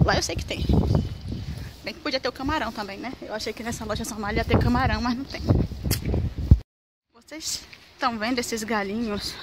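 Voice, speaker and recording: Vlogging casually at home and while walking city streets, a young adult woman from Salvador speaks with a Bahian Brazilian Portuguese accent in a fairly high voice. She holds the camera at arm's length, and the handheld recording picks up ambient noise.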